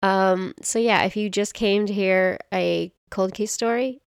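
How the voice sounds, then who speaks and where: A woman's voice: medium pitch, steady tone, a little slow, vocal fry, clear, resonant tone, dry recording, studio quality. A young woman co-hosting a podcast in casual chat, giggly and rambling, joking about herself. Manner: giggly, rambling, self-deprecating. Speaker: podcast co-host.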